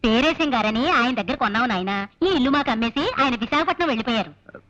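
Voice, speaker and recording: An actress playing a calm older housewife who soothes her husband and patiently explains things to a visitor. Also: fairly high pitch, quick pace, lo-fi sound. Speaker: householder's wife.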